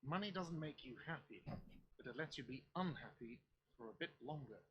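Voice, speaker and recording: A man's voice: a little high, lively intonation, moderate pace, dull audio, a little hiss or hum, lightly acted. A man voicing an irritable, whiny cafeteria manager in a video game, petulant and exasperated. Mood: irritated.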